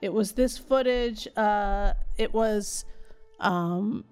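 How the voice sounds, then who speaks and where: A woman's voice: medium pitch, extremely slow, darkish tone, clean tone, faint music behind. A woman co-hosting a podcast in a casual, chatty style. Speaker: podcast co-host. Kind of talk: casual chat, partly reading out facts.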